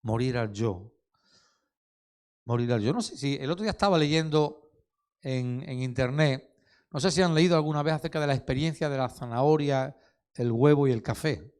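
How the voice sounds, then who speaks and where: Emphatic preacher. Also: male voice, on the high side, brisk, darkish tone, clear, resonant tone. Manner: questioning, emphatic with repetition. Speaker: pastor. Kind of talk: sermon.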